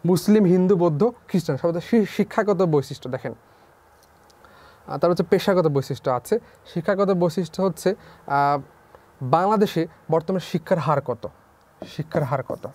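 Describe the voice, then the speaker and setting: Young male tutor with a somewhat high voice for a drill-style online lesson. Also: normal speed, pauses often, darkish tone. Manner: repeats key figures as questions to students. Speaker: teacher. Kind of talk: online class lecture.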